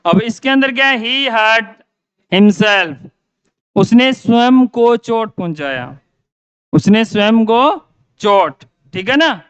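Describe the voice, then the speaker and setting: A man's voice: extremely high pitch, lively intonation, a little slow, clean tone, dry recording, dull audio. A male teacher giving a grammar lesson, repeating his own questions and answering them.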